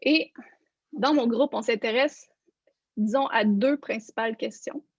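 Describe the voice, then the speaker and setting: Gravelly woman presenting slides. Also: fairly high pitch, unhurried, dry recording. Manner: explanatory, walks listeners through slides. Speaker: neuroscience researcher giving a lecture. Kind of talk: online lecture presentation. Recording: dull, lo-fi online conference audio.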